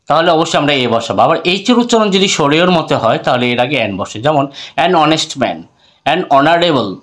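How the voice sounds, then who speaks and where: A man with a Bangladeshi accent teaching an English grammar lesson. He mixes English phrases into his talk, asks questions and answers them himself, and repeats example words slowly. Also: fairly high pitch, a bit bright.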